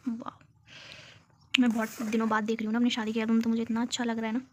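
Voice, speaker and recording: A woman's voice: on the high side, completely flat delivery, fast talker, mellow, a little hiss or hum. A young woman from Uttarakhand, chatting and giggling as she shows viewers a photo album, filmed on her phone at home. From Uttarakhand, India. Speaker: vlogger. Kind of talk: casual chat showing a photo album. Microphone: phone camera.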